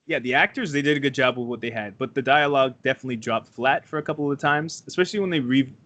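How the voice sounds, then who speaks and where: A man's voice: medium pitch, fast, fairly bright tone. A man co-hosting a podcast, casually reviewing a movie, laughing often and quoting scenes. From Trinidad. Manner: laid-back, laughs often, quotes scenes. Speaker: podcast co-host.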